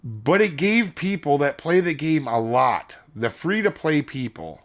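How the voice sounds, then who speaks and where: Speaking at a measured pace, this man has a slightly high, sing-song voice as he hosts his gaming channel. His casual commentary wanders from topic to topic while his voice gives out, and he addresses viewers as "guys."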